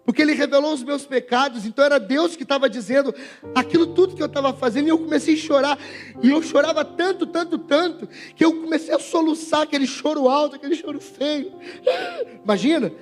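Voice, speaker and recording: High-voiced Brazilian preacher, emotional testimony. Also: male voice, fairly quick, soft background music. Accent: Brazilian Portuguese. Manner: emotional storytelling, addressing the church directly. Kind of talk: sermon testimony.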